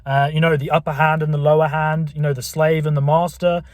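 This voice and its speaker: Speaking from his car into the camera mic, this English channel host delivers a rambling casual monologue with many fillers and restarts in a southern Buckinghamshire accent. His voice sits on the high side, level and brisk with a darkish tone, and there's no room sound.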